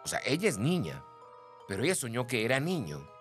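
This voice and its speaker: A man with a Mexican Spanish accent, hosting a radio show and chatting casually while reading listener messages, gossipy and animated. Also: medium pitch, brisk, faint music behind. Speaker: radio host.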